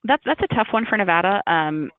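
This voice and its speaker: A woman's voice: medium pitch, lively intonation, brisk. A woman meteorologist answering a question on a webinar video call, repeating words as she thinks aloud. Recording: tinny phone-like call audio with faint hiss.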